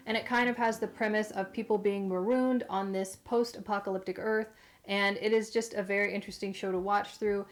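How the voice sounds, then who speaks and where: A woman hosting a casual, chatty recommendation vlog, speaking with a mouth affected by recent wisdom tooth removal. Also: medium pitch. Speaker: host.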